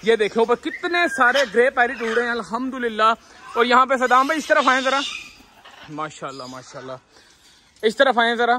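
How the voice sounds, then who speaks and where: A man in his thirties with a very high voice hosts a casual vlog and chats excitedly with viewers. He films himself on a phone held out at arm's length in an outdoor aviary. Clear noise sits behind him. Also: normal speed. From Pakistan. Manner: excited, chatty, addresses viewers directly. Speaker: vlogger host. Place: large outdoor bird aviary. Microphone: phone camera held at arm's length. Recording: noisy outdoor phone recording. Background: birds squawking.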